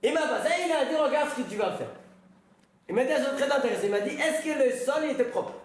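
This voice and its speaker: The rabbi here has a very high, expressive voice and moves at a quick pace. He shares stories in a relaxed, conversational manner during a religious lesson and keeps questioning his listeners, all in a room with a lot of echo.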